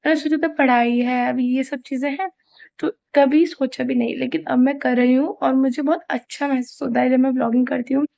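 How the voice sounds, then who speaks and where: A woman's voice: sits high, steady tone, brisk, vocal fry, a little mellow, highs cut off. A young woman chatting casually in a home vlog, rambling and apologetic, with a sore throat. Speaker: vlogger. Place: family home, indoors.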